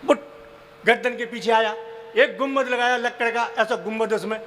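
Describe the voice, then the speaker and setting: A man performing comic poetry on stage, telling stories with acted quotes and slow, chanted verse lines. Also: extremely high pitch, a bit bright. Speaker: comic poet. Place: live stage event.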